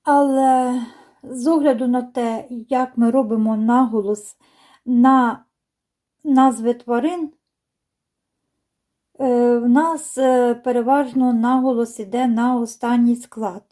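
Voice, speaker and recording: A woman vlogging about her knitting at home, chatting to viewers in an unhurried way with many fillers and restarts. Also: on the high side, fairly even intonation, warm tone. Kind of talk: casual chat to viewers. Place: home, indoors by a window.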